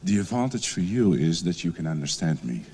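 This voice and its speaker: A middle-aged library department head with a Dutch accent presents at a conference in a conference room. His low, dark-toned voice is very animated and a bit fast, yet he hesitates a lot, with many fillers and restarts.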